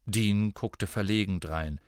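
A man reading an audiobook with expressive, dramatic narration. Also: lowish voice, slow pace, no echo, clean studio sound. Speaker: audiobook reader.

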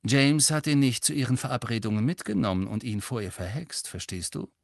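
A man reading an audiobook, voicing a loyal, hot-tempered grown man who speaks low and emphatic. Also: brisk, creaky, dry recording, clean studio sound, natural voice. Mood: earnest.

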